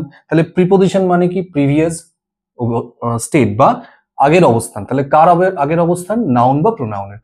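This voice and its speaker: A man's voice: fairly high pitch, a little mellow. A man teaching a grammar lesson for an exam-prep class, explaining step by step and often checking with his students if they follow. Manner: explains step by step, asks "ঠিক আছে?" often.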